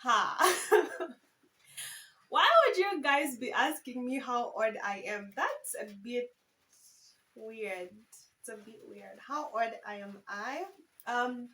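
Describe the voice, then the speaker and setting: Young woman, from Zambia, high voice, giggly and chatty, casual vlog, camera phone. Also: animated, slow, long pauses, sharp tone, poor audio. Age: 20s. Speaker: YouTuber.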